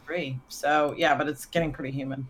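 A woman's voice: low-pitched, fairly even intonation, brisk, a little hiss or hum. A middle-aged woman co-hosting a podcast, chatting in a wry, casual way and laughing easily. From Florida. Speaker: podcast co-host, psychotherapist. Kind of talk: casual chat.

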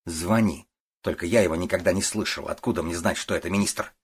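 A man's voice: low voice, fairly quick, husky. A man voicing a blunt, stubborn woman police officer who speaks in a curt, sardonic way, in an audiobook.

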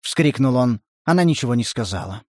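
A man reading a novel aloud as audiobook narrator, in a measured, even manner. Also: mid-range voice, no echo, studio quality. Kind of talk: scripted literary narration.

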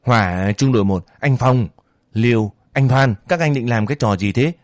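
Rich: A stern older officer calling two comrades to order, voiced by a man reading a story aloud. He speaks firmly and a touch lower than the narrator. The sound is close and dry. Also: normal speed, no room sound, close to an everyday voice.

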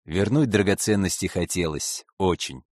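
A man reading a humorous crime story aloud, expressive and ironic. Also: low-pitched, moderate pace, no room sound, clean studio sound. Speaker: audiobook narrator. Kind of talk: scripted narration.

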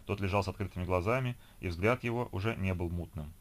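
A man reading an audiobook in measured scripted narration. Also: deep voice.

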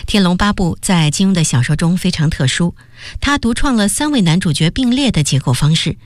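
Expressive woman reading a novel aloud. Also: lowish voice, no room sound, studio quality. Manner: measured, expressive storytelling. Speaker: radio storyteller and presenter.

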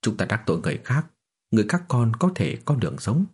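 A man voicing a cocky young male martial prodigy, speaking calmly with cold, mocking confidence. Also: mid-range voice, fast talker, gravelly, slightly rough, full character voice. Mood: coldly smug. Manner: calm, mocking, cold laughter.

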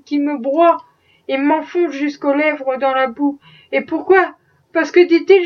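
A woman's voice: high voice, distant mic, muffled recording. A woman voicing a desperate young enslaved man fleeing to freedom, with impassioned, defiant pleading.

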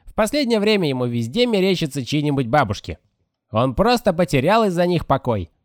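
A shrill yelling teenage Jackal. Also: male voice, sing-song, brisk, dry recording, studio quality. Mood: excited. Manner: yelling, giggling. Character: excitable shrill teenage boy nicknamed Jackal.

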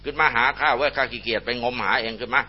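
A man voicing a boastful, rough older lay magician who shouts commands, on a muffled lo-fi recording. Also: mid-range voice, animated, normal speed, voice pushed up, close to an everyday voice. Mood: commanding.

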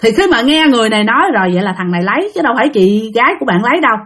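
A woman with a Southern Vietnamese accent telling a spirit story in a chatty, animated way, addressing her listeners. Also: fairly high pitch, very fast. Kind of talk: casual spoken ghost story.

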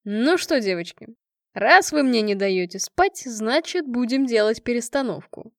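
A woman voicing a bossy, gruff young king in an audiobook, with a close, dry sound. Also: on the high side, expressive, measured pace, no room sound. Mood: mocking. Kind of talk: audiobook character voice.

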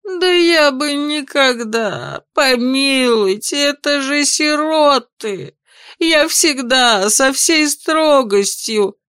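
A woman's voice: high-pitched, lively intonation, a bit bright, dry recording, clean studio sound, voice pushed up, full character voice. A woman voicing a fat, frightened old male official who pleads and wails. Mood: whining scared. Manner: slow, wailing, pleading.

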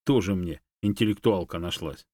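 A man's voice: deep voice, moderate pace, darkish tone, no room sound. A proud, touchy male guide dog who bristles when teased and argues back earnestly, as a male reader voices him. The voice is a little raised and dry, with no room sound at all. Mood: indignant. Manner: indignant, defensive.

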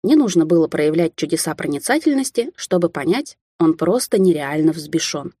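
A woman narrates a first-person tale in an even, measured way. Her voice is lowish, dark and mellow with a husky grain. The recording is close and dry. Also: no echo. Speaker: audiobook narrator.

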